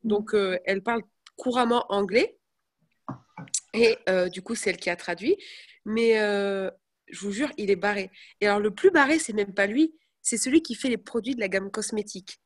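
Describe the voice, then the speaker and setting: A young woman chatting casually to her viewers, telling animated stories. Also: mid-range voice, moderate pace. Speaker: network marketing presenter. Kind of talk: casual live chat.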